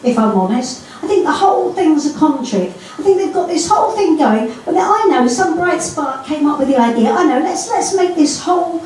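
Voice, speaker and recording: Cheeky end woman doing standup, high lively voice, echoey far-off sound. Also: normal speed, hardly any pauses, slight background noise. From East London. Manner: chatty, cheeky, addresses the audience directly. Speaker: stand-up comedian. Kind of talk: stand-up comedy routine. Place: comedy stage. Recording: echoey room, mic far off.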